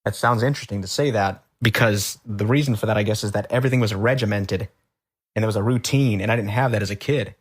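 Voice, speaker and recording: Man, from the Boston area, interview guest, low voice, casual storytelling, many fillers. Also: fast, slightly rough. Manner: relaxed, rambling, many uh fillers and restarts.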